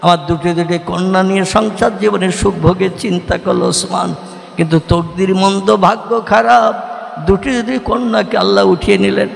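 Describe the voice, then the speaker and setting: A male preacher, giving a sermon that swings between sung chanting and shouted emphasis and calls on the crowd to answer. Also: high voice, steady tone, normal speed, creaky, reverberant, big-room sound.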